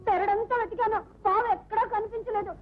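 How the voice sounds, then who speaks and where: A silly, lovesick young girl who whines about her runaway groom. Her very high voice rattles along quickly, through a dull, lo-fi film soundtrack. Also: crowd noise. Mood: naive. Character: naive lovesick young bride-to-be.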